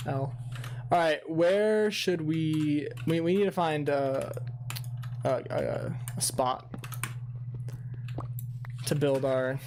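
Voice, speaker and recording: A man's voice: a little high, slow, long pauses, a little mellow, a little hiss or hum. A young man streaming a game, talking in a rambling, profane and self-mocking way to his viewers. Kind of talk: casual livestream gaming chat.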